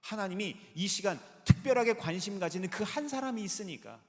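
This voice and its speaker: Male pastor, animated preacher who quizzes his flock, slightly high voice, long church reverb. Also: brisk. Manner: lively preaching with rhetorical questions to the congregation. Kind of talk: sermon. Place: large church sanctuary. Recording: long reverb of a large sanctuary.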